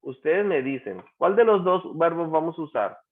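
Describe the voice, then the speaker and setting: With big pitch swings in a slightly high voice, a male English teacher speaks at normal speed while leading an online class through grammar examples. He asks questions patiently and repeats the replies, and the call audio is tinny and phone-like.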